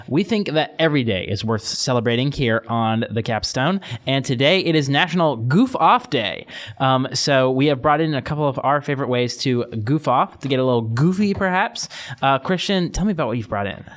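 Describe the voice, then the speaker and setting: A man's voice: mid-range voice, lively intonation, a little fast. A young man hosting a college morning radio show, chatting casually and rambling with frequent restarts. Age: young adult. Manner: rambling, lots of fillers and restarts.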